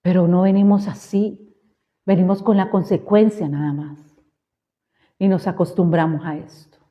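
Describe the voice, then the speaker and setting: A woman's voice: lowish voice, steady tone, moderate pace. A woman preacher delivering a fervent sermon and putting questions to her congregation. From Colombia. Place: church hall. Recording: reverberant hall, dull lo-fi sound.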